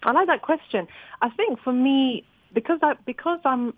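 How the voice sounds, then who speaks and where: Her voice is high and her speed normal, with no room sound on a dry, phone-like line. She is a novelist who grew up in Zimbabwe, a woman chatting animatedly in an interview about her books and often restarting what she's saying.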